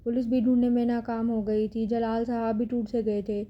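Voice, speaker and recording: A woman narrating a dramatic novel in a steady storytelling manner. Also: on the high side, lo-fi sound. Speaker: audiobook narrator.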